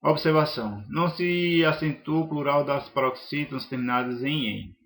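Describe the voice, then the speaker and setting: A man's voice: a little high, moderate pace, a bit bright. A man teaching a grammar lesson, listing examples one by one in a methodical way with some hesitations.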